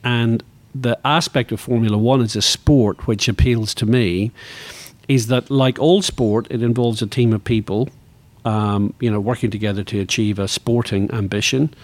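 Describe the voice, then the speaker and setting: With moderate pace and fairly even intonation, the sixty-year-old Northern Irish motor racing executive speaks in a mid-range voice, reflective and enthusiastic as an interview guest. The recording is dry.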